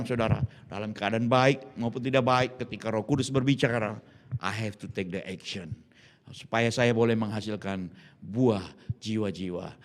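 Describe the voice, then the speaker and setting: A man in his fifties from Indonesia, a pastor preaching a sermon as a lively story, acting out the voices of the people in it and slipping English phrases into his talk. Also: mid-range voice. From Indonesia (Jambi, Sumatra).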